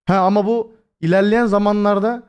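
A man's voice: high voice, steady tone, brisk, clean tone. A young man streaming live, talking casually to his viewers, swearing freely and rambling with many fillers. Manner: swears freely and addresses chat directly. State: voice has been hoarse lately. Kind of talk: casual livestream chat.

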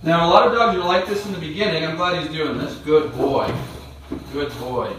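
A man with a fairly high voice gives a calm dog training lesson, explaining each step as he works. The sound is very echoey and taken from a distance, as if the camera sits across a large bare room. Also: fast talker, slight background noise. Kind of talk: instructional demonstration.

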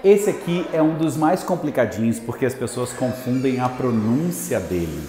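A man teaching an English lesson to camera, energetic and slowing down to model each word. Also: medium pitch, soft background music. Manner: lively, slows down to model English words. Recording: echoey room with long reverb.

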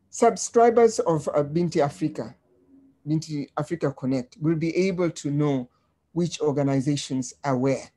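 A woman from Tanzania presenting slides on a webinar in a measured way, with frequent ums, over a video call. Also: sits low, warm tone.

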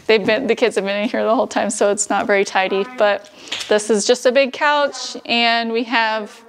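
A woman casually narrating a tour of her family's farmhouse, chatty and relaxed. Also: mid-range voice, a little hiss or hum. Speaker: homesteading vlogger.

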